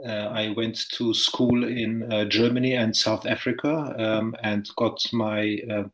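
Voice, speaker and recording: A middle-aged physics professor from Czechoslovakia, answering interview questions in a measured, hesitant, explanatory way. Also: male voice, fairly low pitch, steady tone, rough recording.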